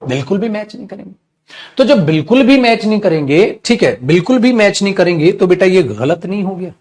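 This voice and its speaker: A male English teacher giving a live online grammar class, explaining with rhetorical questions, reading example sentences very slowly and calling the students beta. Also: high-pitched, darkish tone. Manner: addresses students affectionately as beta.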